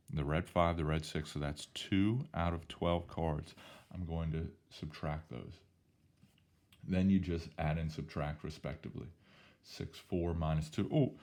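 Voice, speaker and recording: A hoarse male teacher with a very low voice walks through math problems at an unhurried pace. He keeps it casual and chatty in this recorded lesson. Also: darkish tone. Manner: casual, chatty, talks through each step. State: hoarse, losing his voice. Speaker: statistics teacher.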